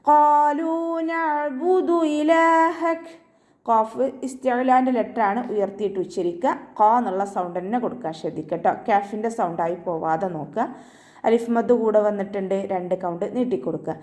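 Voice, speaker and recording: A woman teaching Quran recitation in an online class, explaining each sound step by step with gentle reminders. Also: medium pitch, a little fast. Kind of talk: online tajweed lesson.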